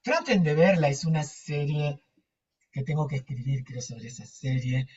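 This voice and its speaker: A man's voice: a little high, lively intonation, normal speed, darkish tone, far from the mic, muffled recording, slight background noise. A man, chatting casually with a group, rambling and searching for words. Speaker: lecturer.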